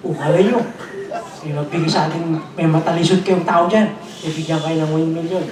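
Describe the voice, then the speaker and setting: A man's voice: fairly high pitch, steady tone, fairly quick, crowd noise. A man preaching a joking sermon as pastor, switching between Tagalog and English and imitating people he talks with. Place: large church hall. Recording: echoey hall, from far off. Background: congregation responding.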